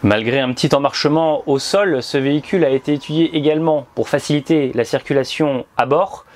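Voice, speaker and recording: A man in his thirties presents a scripted motorhome review with precise presenter delivery, using a lapel mic inside the vehicle and then outdoors by the roadside. He talks briskly in a fairly high, darkish voice.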